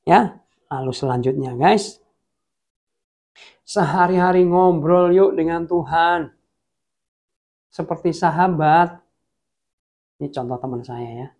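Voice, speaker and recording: A male preacher telling testimonies in a casual, playful sermon. He chats directly with his listeners, and his fairly high voice carries a steady gravelly rasp. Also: slow, pauses often. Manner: chatty, playful, addresses listeners as guys.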